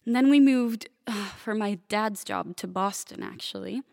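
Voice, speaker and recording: A teenage girl from Italy talks as a guest in an interview, soft-spoken and hesitant, with lots of small fillers. Her voice sits at a middling pitch. The sound is dry and close, with no room around it. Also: moderate pace, gravelly, no room sound. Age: teens. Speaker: young pianist guest. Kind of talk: casual interview answers.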